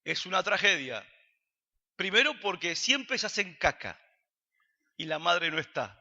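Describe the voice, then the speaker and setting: A man's voice: high voice, very animated, unhurried, pushed and bright. A man with an Argentine accent preaching a sermon, asking his congregation questions and answering them himself. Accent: Argentine Spanish. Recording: dull recording with long hall reverb.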